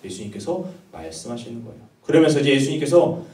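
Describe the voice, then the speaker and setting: A man's voice: a little high, animated, quick pace, darkish tone. A young man preaching to teenagers as a youth pastor, telling a story and asking his listeners questions. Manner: storytelling, asks the audience questions. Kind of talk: sermon to teenagers. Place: church hall. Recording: roomy echo, voice from far off.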